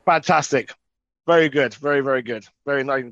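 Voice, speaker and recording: A man's voice: mid-range voice, brisk, a bit bright, no echo, lo-fi sound. A man co-hosting a sports show, talking through statistics in a casual, chatty way. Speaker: co-host presenting stats.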